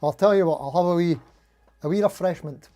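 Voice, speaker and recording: A man's voice: high-pitched, brisk, mellow, soft background music. A man hosting a casual live stream, rambling in a jittery, over-caffeinated, self-deprecating way as he chats to viewers. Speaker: live stream host, guitar player.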